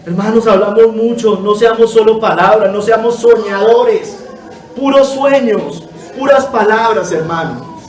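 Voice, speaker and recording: A man's voice: sits high, measured pace. A male pastor preaching a sermon with earnest exhortation, calling his listeners brother again and again. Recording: echoey room, voice from a distance.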